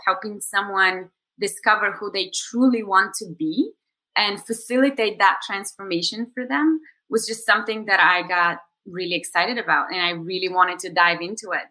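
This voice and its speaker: This low-quality recording captures a Bulgarian woman in her thirties, a coach, in a podcast interview conversation. Speaking at normal speed in a medium-pitched, bright, forceful voice, she reflects on her story with many fillers and restarts.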